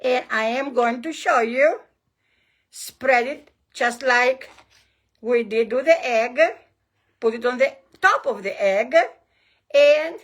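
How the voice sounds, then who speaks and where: A woman's voice: on the high side, slow, long pauses. A woman with a Greek accent leading a hands-on recipe demonstration as a cooking host, encouraging and emphatic, often repeating her phrases.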